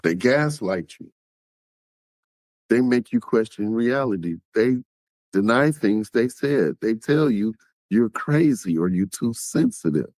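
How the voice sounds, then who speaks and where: A man's voice: medium pitch, lively intonation, slow, darkish tone, dry recording. A man hosts a podcast and talks casually straight to his listeners, now and then acting out what other people say. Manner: conversational, talks straight to listeners, acts out quotes. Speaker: podcast host.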